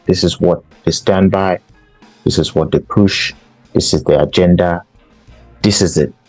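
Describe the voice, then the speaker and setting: A man's voice: low-pitched, a little mellow, no room sound, poor audio. A man from Cameroon, hosting a podcast and giving an emphatic political commentary monologue. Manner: emphatic, repeats himself for stress. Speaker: podcast host.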